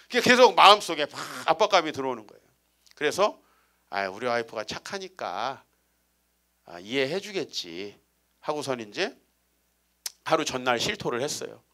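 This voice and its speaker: Animated, bright-voiced pastor in his forties. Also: mid-range voice, moderate pace, long pauses. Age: 40s. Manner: animated, teasing the congregation with rhetorical questions. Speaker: guest pastor. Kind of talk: humorous storytelling sermon. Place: church sanctuary.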